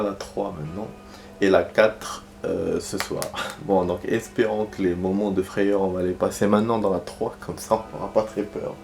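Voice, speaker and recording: A man chats his way through a video game in a low, relaxed voice. He rambles, trips over his words and circles back, full of small hesitations. The tone is warm and unhurried, like a regular talking to his viewers. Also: slight background noise. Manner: rambling, hesitant, lots of fillers and restarts. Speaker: gaming commentator. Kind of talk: casual let's-play commentary.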